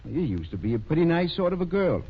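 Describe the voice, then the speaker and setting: Kindly older small-town doctor, husky, swooping intonation, hesitant fatherly manner, 1930s radio drama. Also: on the high side, very animated, quick pace, heavily acted. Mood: reproving, earnest. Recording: muffled 1930s radio recording.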